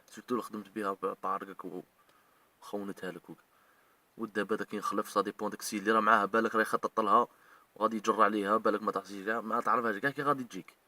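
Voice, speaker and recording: A man's voice: on the low side, fairly even intonation, very fast, bright, forceful tone, far from the mic. A man with an Algerian Arabic accent, scolding and ranting emotionally in a video as he speaks straight at the people he means. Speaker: online commentator. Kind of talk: heated video rant.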